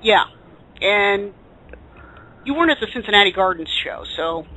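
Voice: mid-range voice, lively intonation, normal speed, pushed and bright, slight background noise, low-quality recording. A host of a live group talk show, chatting and introducing people with a showman's flourish.

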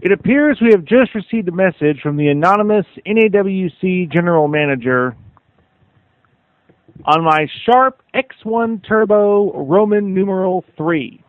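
A grand mock announcer calls the room to attention over the intercom, as a man puts it on. The voice sits a little high, with a formal, booming delivery. It comes through thin and tinny, like a phone line, and dry with no room sound. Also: animated, measured pace, no echo. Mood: grandly formal. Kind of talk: podcast chat about wrestling.

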